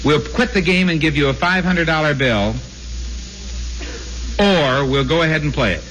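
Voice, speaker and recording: A man hosting a radio quiz show in a brisk, teasing way, spelling words out letter by letter, heard from an old broadcast disc. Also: on the high side, a bit bright, a little hiss or hum, poor audio. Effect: old broadcast disc playback.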